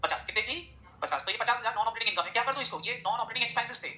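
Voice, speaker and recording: A male teacher giving a classroom lecture, firing quick questions at his students and pushing them to answer. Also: extremely high pitch, sharp tone. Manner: drills the class with rapid-fire questions. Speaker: accounting teacher. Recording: echoey room.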